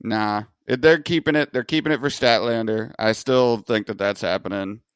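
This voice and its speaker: A man's voice: lowish voice, moderate pace, clear, resonant tone, dry recording, clean studio sound. A man from Long Island, hosting a casual wrestling podcast chat, joking and swearing freely. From Long Island, New York. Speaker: podcast host.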